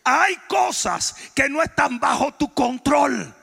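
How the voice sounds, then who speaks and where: A man, a pastor, preaching a sermon, often shouting his points and joking with the congregation. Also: very high-pitched, very animated, takes it slowly, vocal fry, in a large hall. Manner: preaching with shouted emphatic lines and joking asides.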